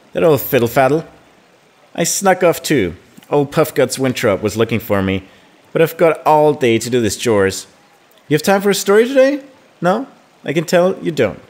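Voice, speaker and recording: A man's voice: on the high side, big pitch swings, normal speed, darkish tone, voice pushed up. A man voicing a playful, sneaky young woman while reading game dialogue aloud, in a teasing, chatty way.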